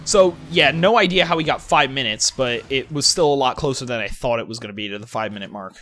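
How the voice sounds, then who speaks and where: Young male game commentator who rambles and second-guesses himself, bright, forceful tone. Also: mid-range voice, fast. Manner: rambling, self-questioning, occasional swearing. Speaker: gaming channel host. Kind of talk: rambling let's-play commentary.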